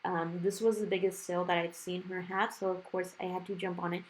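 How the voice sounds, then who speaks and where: A woman narrating a nail tutorial talks fairly quickly in a lowish voice with little pitch movement, rambling in a chatty, informal way. She creates nail art videos, and new dental work gives her a lisp that slurs her s sounds. Music plays behind her, and the poor audio has a little hiss or hum.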